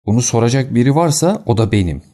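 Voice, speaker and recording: A man reading an audiobook, voicing a fat, menacing male villain who shouts threats. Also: mid-range voice, sing-song, quick pace, pitched above the performer's own voice, lightly acted. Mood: threatening.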